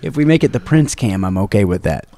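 A man's voice: on the low side, animated, fast talker, vocal fry, dark tone, big-room sound. A man hosting a casual podcast, joking and laughing often between reading listener questions. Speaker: podcast host.

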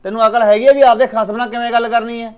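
A man's voice: extremely high pitch, level tone, fast talker, highs cut off. An actor playing a jealous, domineering village husband who scolds and accuses his wife. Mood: angry. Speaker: husband, landowner. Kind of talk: village short film acting.

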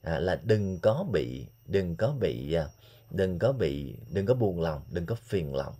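A man, teaching English phrases and repeating examples slowly. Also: sits low, lively intonation, dark tone. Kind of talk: explaining English phrases in Vietnamese.

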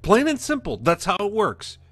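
A man's voice: sits high, wildly swooping pitch, moderate pace, a bit bright, no echo. A man in his forties ranting bluntly to camera as a show host, speaking into a studio mic in his living room. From Canada. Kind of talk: casual rant to camera. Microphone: studio mic in front of webcam.

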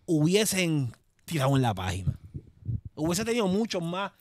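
A man's voice: fairly high pitch, normal speed, background noise. A young man with a Puerto Rican accent hosting a podcast, talking casually with slang and jokes. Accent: Puerto Rican Spanish. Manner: slangy, animated and joking. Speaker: podcast host. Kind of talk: casual chat.

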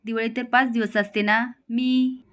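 A woman's voice: on the high side, level tone, moderate pace, a bit bright, lightly acted. A woman voicing a sweet, earnest young sister who talks eagerly. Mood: cheerful.

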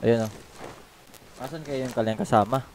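A young man from the Philippines, a gaming streamer, chatting casually and shouting excited callouts while he plays. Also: medium pitch, normal speed, a little hiss or hum. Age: 20s. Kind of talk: casual gameplay chat.

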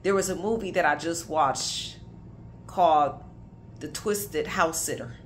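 A woman's voice: deep voice, unhurried, slight background noise. Emphatic preaching woman in her thirties. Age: 30s. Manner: emphatic preaching with casual asides. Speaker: minister. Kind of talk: prophetic sermon to camera.

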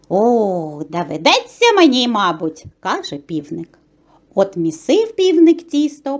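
High, lively woman reading a fairy tale. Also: muffled recording. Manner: sing-song, expressive reading. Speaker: storyteller.

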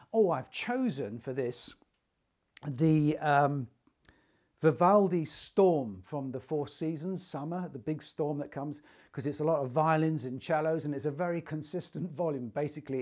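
A man in his sixties, technical director at a loudspeaker company, gives an informal demonstration in a large attic listening room. His voice is a bit high and slightly mellow, and he addresses viewers like a showman through a lavalier mic.

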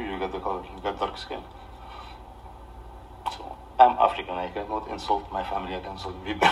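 In a small living room, an Egyptian-accented man speaks to camera in an unscripted livestream rant, his voice low. He sounds halting and defensive, going over the same points again as he argues. The recording comes from a distant mic with light noise in the background.

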